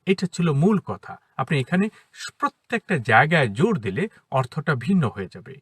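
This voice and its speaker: Man, bengali accent, patient english teacher, lively pitch, dry car sound. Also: normal speed, husky, no echo, recorded from a distance. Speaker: English teacher, academy founder. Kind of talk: casual spoken lesson to camera. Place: inside a parked car.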